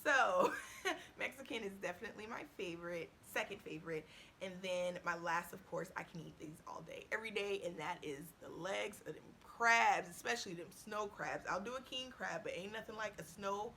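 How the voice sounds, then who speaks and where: A woman in her thirties chatting casually to the camera in a get-to-know-me video, animated and playful, laughing often. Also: medium pitch, normal speed, slight background noise. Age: 30s. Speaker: vlogger.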